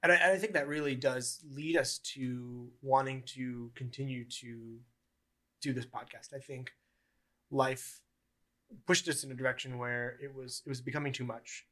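A twenty-one-year-old man hosts a casual podcast chat in a bright, forward voice. He rambles, restarts his sentences and fills the gaps with "um". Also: mid-range voice, fairly even intonation, normal speed. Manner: rambling, many fillers and restarts. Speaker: podcast host.

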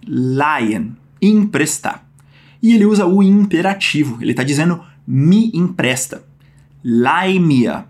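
Lively, joking Brazilian language teacher. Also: mid-range voice. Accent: Brazilian Portuguese. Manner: playful, jokey, slang-filled. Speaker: German teacher. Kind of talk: casual language lesson.

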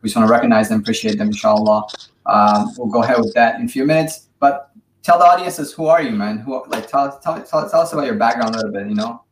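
A man hosting a podcast in casual chat, friendly and halting with many fillers. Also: mid-range voice. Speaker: podcast host. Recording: echoey room with faint noise.

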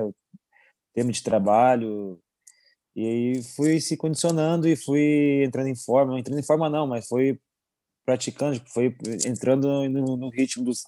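This is a relaxed young man from Brazil, a goalkeeper. His voice is warm and mellow, recorded dry and close. He chats loosely with plenty of fillers and quick laughs. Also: medium pitch, no echo. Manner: relaxed, chuckling, many fillers. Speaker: goalkeeper abroad, interview guest. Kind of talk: casual interview chat.

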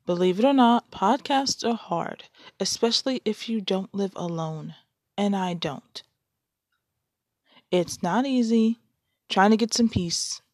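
A woman's voice: medium pitch, darkish tone, no echo, clean studio sound. A woman hosting her own podcast, chatting casually and then reading a story aloud. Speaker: podcast host and story reader. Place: shared home.

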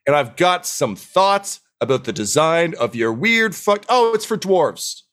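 A man's voice: on the high side, sing-song, unhurried, a bit bright, pitched above the performer's own voice. A man voicing a brash, showy female gnome scientist who talks in a theatrical, boastful, blunt way. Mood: grandstanding.

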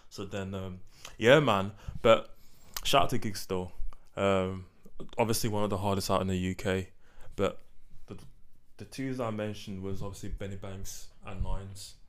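A young British man talks in a London roadman style. His voice sits a little low. He chats casually, peppering his phrases with street slang. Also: steady tone, normal speed. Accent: urban British, London roadman style. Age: young adult. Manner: slangy roadman talk, tagging phrases with fam. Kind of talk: casual chat about UK rap, street slang.

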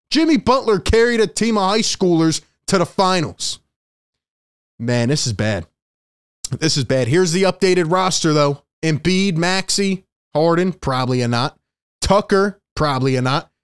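A man's voice: high-pitched, no room sound, clean studio sound. Exasperated man ranting about sports. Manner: exasperated, emphatic ranting with rhetorical questions. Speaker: sports commentary YouTuber. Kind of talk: solo sports opinion vlog.

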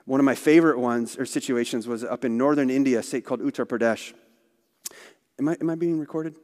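A man's voice: medium pitch, fast, darkish tone. Man giving a church talk in a reverberant hall. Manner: conversational, retelling stories with asides. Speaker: missionary organization speaker.

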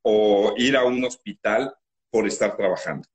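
A man with a Mexican accent, a guest in an interview, telling stories from his life in a loud, animated, emotional way. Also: on the low side, unhurried. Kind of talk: emotional storytelling.

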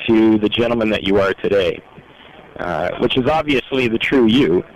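A man conducting an interview, his voice a little low. He asks long, winding questions in a respectful tone. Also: animated, normal speed, poor audio.

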